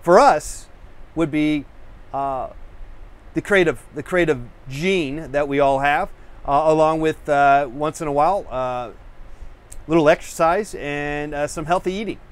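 A man's voice: on the high side, a little slow, smooth. A man hosting his own painting show, chatting casually to camera in a rambling way, full of fillers and restarts, searching for words and wired on coffee. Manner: self-searching, hunts for words; rousing, pep-talk delivery. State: over-caffeinated.

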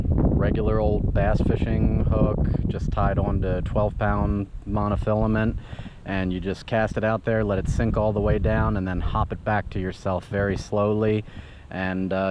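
A man's voice: fairly low pitch, fairly even intonation, normal speed. A man hosting his fishing channel, talking casually outdoors by a lake while he fishes, rambling with lots of "uh" and restarts. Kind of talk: casual first-person fishing commentary. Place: outdoors at a windy lake shore. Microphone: head-mounted action camera. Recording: dull lo-fi action camera audio with wind noise.

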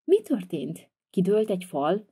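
A woman voicing a calm reliable handyman. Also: mid-range voice, husky, full character voice. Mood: reassuring. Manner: calm and reassuring. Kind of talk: toy-figure video voice acting.

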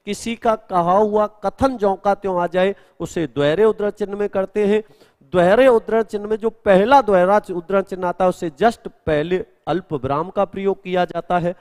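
A man's voice: high voice, steady tone, normal speed, a little mellow, long reverb tail. A male Hindi grammar teacher in a live exam-prep class, explaining answers step by step and answering students' questions.

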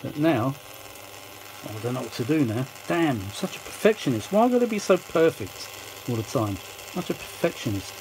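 At an indoor workshop bench, a British vintage audio repair hobbyist and video maker talks to himself through a repair, rambling casually and poking fun at himself. His mid-range voice moves at normal speed over steady machine noise.

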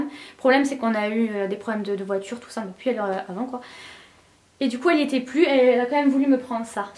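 A young woman vlogging from home in a casual, gushing way, her voice sitting somewhat high. She talks to her camera with plenty of fillers and excited asides. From France. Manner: chatty, enthusiastic, gushing with frequent fillers. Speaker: beauty vlogger. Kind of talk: casual vlog chat.

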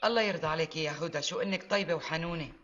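A woman's voice: low voice, racing, a bit bright, lo-fi sound, a little hiss or hum. An actress in a Syrian TV drama playing an older, motherly mother-in-law who scolds fondly, with a Damascene accent. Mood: bustling. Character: older kindly mother-in-law, head of household.

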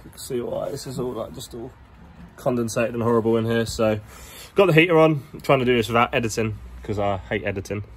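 A man's voice: mid-range voice, fast talker. A man in his twenties chatting casually on a vlog while walking through a big garage workshop. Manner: chatty, rambling, slangy. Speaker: car vlogger. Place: large indoor garage workshop. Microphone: phone held at arm's length.

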